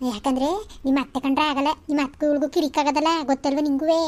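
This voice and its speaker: A woman's voice: high-pitched, level tone, very fast, a little mellow, lightly acted. Woman voicing a bossy village auntie. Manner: bossy, coaxing, orders others around. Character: scheming middle-aged village auntie. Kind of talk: Kannada cartoon voice acting.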